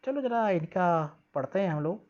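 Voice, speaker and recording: A teacher explaining an English textbook chapter to pupils. The teacher reads the English slowly, drills pronunciation and asks questions, then answers them. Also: medium pitch, expressive, darkish tone. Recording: dull lo-fi sound.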